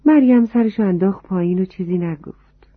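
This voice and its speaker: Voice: medium pitch, no echo. A narrator telling a storybook tale to children and speaking to them directly. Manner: warm, addressing children directly. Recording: dry, tinny phone-like sound.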